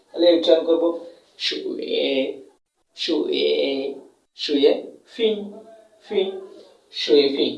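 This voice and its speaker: Teaching Chinese in a classroom lesson conducted in Bengali, a Bangladeshi man repeats points, answers his own questions, and draws out sounds to show tones. His voice is a little high and a little mellow. The sound is lo-fi, with echo and a distant mic.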